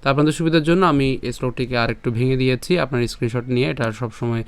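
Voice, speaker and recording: A man with a smooth, resonant voice and a Bengali accent leads a pronunciation lesson on sacred verse. He breaks each line into syllables and repeats it patiently, at a measured teaching pace, in a middle-pitched voice. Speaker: Gita recitation teacher.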